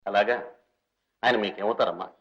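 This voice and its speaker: A man's voice: fairly low pitch, fairly even intonation, normal speed, fairly bright tone, close to an everyday voice. An actor playing a young doctor, a former servant's son, who speaks respectfully and earnestly to his old benefactor. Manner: respectful, earnest, emotional pleading. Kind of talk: 1960s Telugu film drama. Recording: dull old film soundtrack with music.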